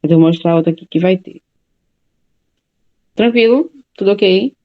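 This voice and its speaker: A woman's voice: medium pitch, a little slow, muffled recording. A woman teacher giving a classroom lecture, explaining step by step and often checking in with her students.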